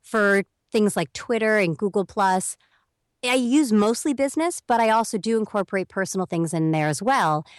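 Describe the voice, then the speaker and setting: A guest on an interview podcast, this young woman works in voiceover and gives long, conversational explanations, voicing the messages she quotes. The recording is dry and studio-grade, her pitch is medium, and she speaks at a moderate pace with lively intonation.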